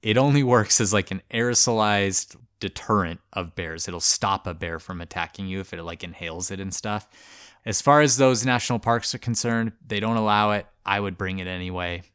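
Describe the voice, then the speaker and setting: A man's voice: lowish voice, moderate pace, fairly bright tone, smooth, dry recording, studio quality. A man co-hosting a podcast, chatting casually in a laid-back, rambling way and laughing easily. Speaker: podcast co-host. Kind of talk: casual chat.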